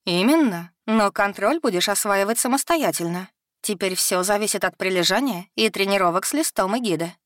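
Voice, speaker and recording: A woman voicing a calm, experienced female magic teacher who speaks in a measured, matter-of-fact way. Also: medium pitch, no room sound, clean studio sound, lightly acted.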